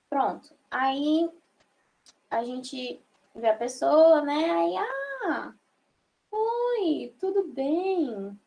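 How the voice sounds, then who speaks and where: A woman's voice: sits high, dark tone. A young woman from Brazil teaching a sign language class online, explaining step by step and checking in with her students often. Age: young adult. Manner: slow, patient, frequent check-ins with the class.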